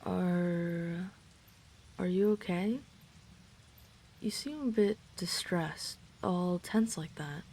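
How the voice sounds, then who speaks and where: A woman voices a gentle, caring dragon friend in an intimate roleplay audio drama, sounding reassuring, considerate and slightly hesitant. Her pitch is fairly low and her delivery extremely slow, with long pauses and a little hiss or hum on the recording.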